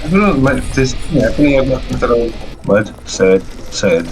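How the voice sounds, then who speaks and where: A man's voice: medium pitch, animated, normal speed, music in the background. A man chatting casually while playing a co-op game with a friend, laughing, teasing and calling out moves. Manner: playful, teasing, laughing, shouting out calls. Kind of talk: casual gameplay chat.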